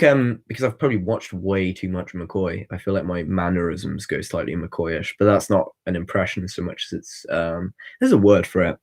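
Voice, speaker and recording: A man's voice: lowish voice, creaky. A young man in his twenties hosting a casual livestream, rambling and chatty as he answers viewer comments with lots of ums and restarts. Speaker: livestream host.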